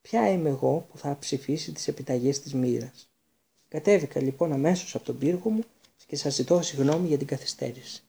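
A man voicing an eerie, dramatic older female seer in a high, theatrical voice. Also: vocal fry, dark tone. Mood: mysterious.

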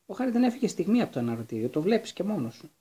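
A harried minister blusters and frets in a pushed-up voice, as a male reader puts him on. He sounds exasperated and put-upon, with a dark, husky grain. It is a storybook voice. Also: high-pitched, sing-song, voice pushed up, exaggerated voice. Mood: pleading.

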